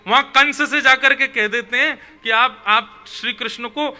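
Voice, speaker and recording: A man telling a devotional story in a lively, animated way, putting on the voices of the figures in it. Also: very high voice, unhurried. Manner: animated, voices the figures in his tale, chuckles.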